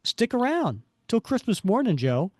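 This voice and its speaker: A man's voice: sits high, sing-song, normal speed, no echo, studio quality, pitched above the performer's own voice. A man voicing a wisecracking young male superhero, with a sardonic, joking inner monologue.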